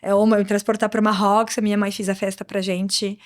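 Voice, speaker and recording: A woman in her thirties from Morocco, an Arabic speaker, talking in a lively, chatty way as a guest in a casual interview. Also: medium pitch, fairly quick. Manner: lively and chatty, often adds "né".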